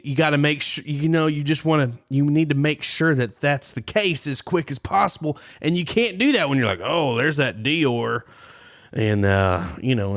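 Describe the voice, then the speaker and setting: A man co-hosting a casual podcast, rambling and often circling back to repeat his phrases. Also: medium pitch. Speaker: podcast co-host. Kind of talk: casual chat.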